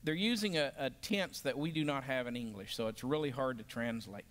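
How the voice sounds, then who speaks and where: A man's voice: medium pitch, brisk, fairly bright tone. A man teaching a Bible lesson to a class, emphatic and asking the group questions.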